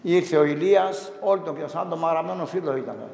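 A middle-aged male priest telling a story in a slow, emphatic sermon style, acting out the dialogue as he goes. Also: on the high side, gravelly, darkish tone, slight background noise. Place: church. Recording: echoey church with long reverb.

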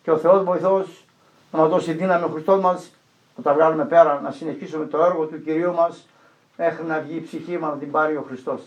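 A man's voice: fairly high pitch, steady tone, highs cut off. An older man, a priest, preaching and telling a story with acted-out quotes. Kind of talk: sermon.

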